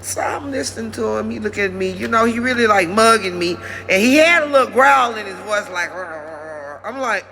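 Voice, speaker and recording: Male comedian, chatty rambling monologue, high voice with a bright edge. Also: a little fast, gravelly, hardly any pauses. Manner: rambling, chatty, addresses audience directly.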